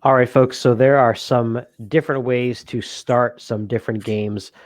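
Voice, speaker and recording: A man's voice: medium pitch, fairly even intonation, moderate pace, no room sound. A man chatting loosely on a board game podcast, piling up fillers and laughing as he talks. His voice sits in the middle range and sounds dry and close, with no room around it. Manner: rambling, laughs often, many fillers. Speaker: podcast co-host. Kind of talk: casual chat.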